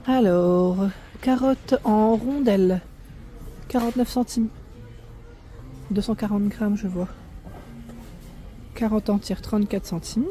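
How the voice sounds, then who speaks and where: Soft music plays behind a woman touring a food discount store for her shopping vlog, her medium-pitched voice dark in tone. She talks slowly with frequent pauses, reading prices and weights aloud and correcting herself here and there.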